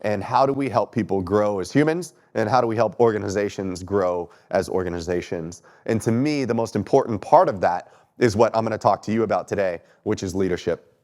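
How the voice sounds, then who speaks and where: A Texan keynote speaker in his thirties talks fairly quickly in a slightly mellow voice on the low side. Stuffy from allergies, he stands on a lecture hall stage giving a conference talk that is joking, chatty, self-deprecating, and full of questions for the crowd.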